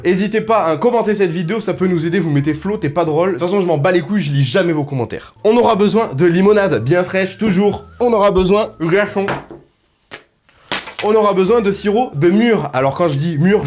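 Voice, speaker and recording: A man's voice: a little high, a little mellow, slight background noise. A man hosting a comedic cocktail tutorial, talking straight to the viewer in crude, ironic, mock-serious patter. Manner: addresses viewer directly. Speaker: host.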